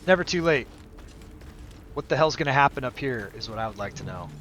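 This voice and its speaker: A man's voice: mid-range voice, animated, brisk, a bit bright, slight background noise. A middle-aged man chatting casually to viewers as he hosts a game livestream. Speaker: livestream host. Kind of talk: casual game stream chat. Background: game music.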